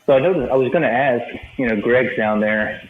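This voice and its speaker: A man's voice: mid-range voice, a little fast. A man joking and teasing as a guest in a casual podcast chat. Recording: dull roomy noisy call audio.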